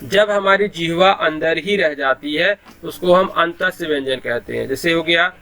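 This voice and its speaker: A man's voice: on the high side, a little slow, bright, forceful tone. A man teaching Hindi in an online class, explaining patiently and sounding out letters one by one, with a habit of repeating a filler phrase.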